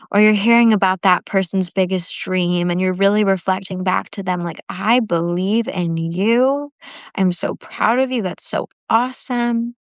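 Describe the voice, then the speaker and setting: Following a guided meditation, a woman running a self-love workshop over livestream chats casually in a smooth, mid-range voice, dropping "like" as a filler again and again. The audio is dry with no echo, sounding slightly dull and lo-fi.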